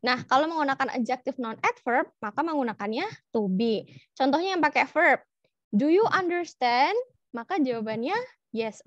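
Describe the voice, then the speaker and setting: A woman's voice: a little high, no echo. A young woman teaching an English class over a video call, explaining in a casual, chatty way with fillers and English phrases. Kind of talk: online class lecture. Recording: dull, lo-fi video call audio.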